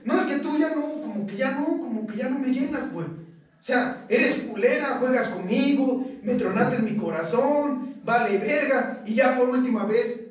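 At a recovery meeting in a hall, a young Mexican man gives a raw, emotional personal testimony full of slang and profanity. He speaks with a Mexican Spanish accent in a very high, expressive voice at normal speed, recorded with a distant mic in an echoey room.

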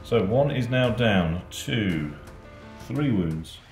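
A man's voice: lowish voice, lively intonation, takes it slowly. A man explaining game rules in casual chat, hesitant with many fillers. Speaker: tabletop wargame opponent. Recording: echoey room with loud music. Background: background music.

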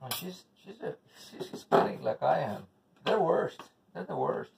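A gravelly, very animated middle-aged man with a fairly high voice talks at a moderate pace through a home cooking video, tossing in rambling, bitter, profane rants. A native Spanish speaker with English as his second language, this vlogger is recorded off-mic by a camera across the counter in his indoor home kitchen. Faint noise and a crowd can be heard in the background.

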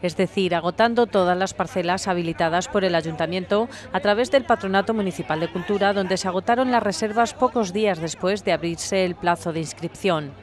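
Measured news voice-over narrator. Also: medium pitch. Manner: even, measured news delivery. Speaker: news reporter.

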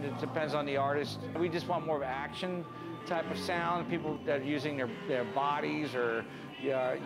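Middle-aged guy in a bar interview, kinda high voice, lots of uhs, music going behind. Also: poor audio. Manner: laid-back, halting with fillers. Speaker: noise festival organizer. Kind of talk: casual interview. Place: indoors in a bar.

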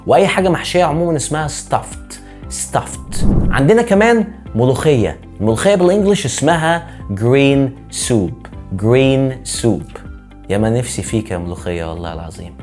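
Lively Egyptian man drilling English words. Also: mid-range voice. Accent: Egyptian Arabic. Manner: drills words by slow repetition, joking asides. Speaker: English teacher. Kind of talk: vocabulary lesson.

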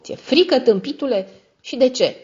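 A cruel, bossy older sister who sneers and scolds in sharp jabs, put on by a woman reader. The lo-fi recording sounds muffled. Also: expressive, close to an everyday voice. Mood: scolding. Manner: mocking, shrill scolding. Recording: dull lo-fi audio.

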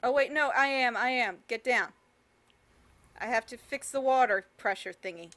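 A woman's voice: fairly high pitch, normal speed, a bit bright. A young adult woman giving joking, playful let's play commentary while she plays through a game. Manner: joking, playful, self-mocking. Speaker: gameplay streamer.

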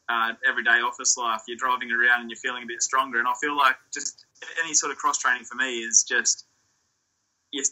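A young Australian man, a surf ski champion appearing as a guest, gives casual interview answers over a video call from a small indoor room. His bright, mid-range voice comes through a laptop or phone in a low-quality recording, and he talks in a relaxed, rambling way full of restarts and fillers.

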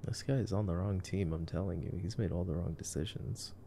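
This young man's casual ASMR movie commentary, delivered as boyfriend roleplay, is laid-back, joking and murmured. His deep, warm voice is creaky and fairly quick, with slight background noise.

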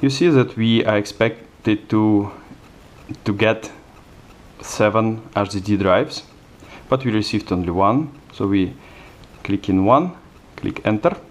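Low-voiced man demonstrating software. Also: slow pace. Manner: plain step-by-step explaining with hesitant fillers. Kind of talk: screencast product demo narration.

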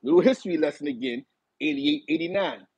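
A middle-aged man from East Harlem with a New York accent, telling stories in a casual chat from a small room, animated and talking with his hands. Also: on the high side, brisk, breathy edge, dry recording, dull audio. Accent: New York City. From East Harlem, New York City. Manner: animated, gestures a lot while reminiscing. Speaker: host. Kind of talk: casual storytelling to a live chat. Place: small bright room indoors.

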